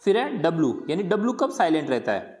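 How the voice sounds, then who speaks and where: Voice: medium pitch, big pitch swings, fast talker, a little mellow. A teacher giving a patient pronunciation lesson, asking a question and then answering it, and repeating each word several times. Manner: colloquial, patient drilling of words. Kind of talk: explanatory lesson.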